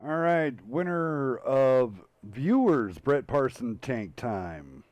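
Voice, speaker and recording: A man hosting a weekly online tank match show, calmly announcing players and giveaways. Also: medium pitch, takes it slowly, no room sound. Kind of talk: esports commentary.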